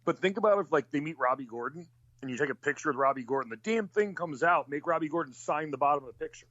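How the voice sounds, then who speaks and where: A man's voice: fairly high pitch, animated, fast talker, a bit bright, no echo. A man who races cars, chatting casually and rambling with lots of fillers and restarts. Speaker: racing driver. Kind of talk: casual chat. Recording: dull lo-fi sound.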